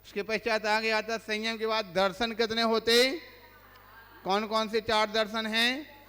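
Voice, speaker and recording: A man's voice: sits high, level tone, a little slow, sharp tone, clear, resonant tone. A man, a monk teaching a religious class, asks the listeners questions and then recites the lists himself. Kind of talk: quizzing religious lesson. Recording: long hall reverb.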